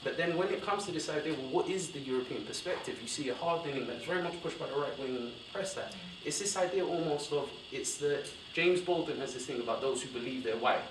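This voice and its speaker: A man's voice: a little high, a little fast, hardly any pauses. Young man talking in an echoey hall. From born in Somalia, raised in West London. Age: young adult. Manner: discursive, animated, self-correcting. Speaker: panel speaker. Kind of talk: panel discussion talk. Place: university lecture room. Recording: roomy hall from a distant mic with noise.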